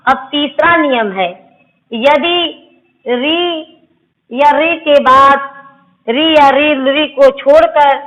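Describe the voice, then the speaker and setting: A woman's voice: high voice, fairly bright tone, poor audio. A woman teacher explaining grammar rules step by step in a classroom lesson, repeating each sound.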